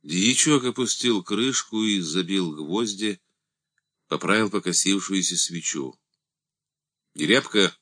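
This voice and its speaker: A man narrating a novel as an audiobook in a measured, expressive reading. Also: low voice, no echo, studio quality. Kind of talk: novel narration with character voices.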